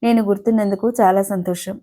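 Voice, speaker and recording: A woman voicing a calm, witty, affectionate elder-sister figure who speaks softly and teases gently. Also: medium pitch, fairly quick, close to an everyday voice. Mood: reproachful. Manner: soft, gently teasing.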